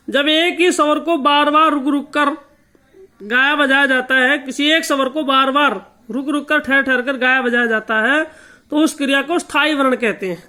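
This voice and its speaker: A music teacher talks through a lesson in a high-pitched voice. He explains each term slowly and repeats it, and now and then he sings out long, drawn-out sargam notes as examples. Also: sharp tone. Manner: slow repetitive explanation, stretching out sung sargam notes. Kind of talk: spoken lesson with sung note examples.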